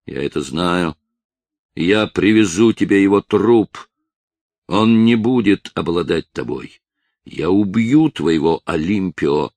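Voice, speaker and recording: A man's voice: sits low, animated, takes it slowly, darkish tone, dry recording, full character voice. A man voicing an obsessive, possessive villain who threatens a young woman, in a menacing, insistent manner. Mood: threatening.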